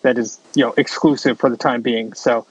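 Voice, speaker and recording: A man co-hosting a casual podcast over a video call, relaxed and full of fillers. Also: medium pitch, brisk, breathy edge, dry recording, lo-fi sound. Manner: relaxed, filler-heavy plugging. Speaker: podcast co-host. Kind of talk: casual chat.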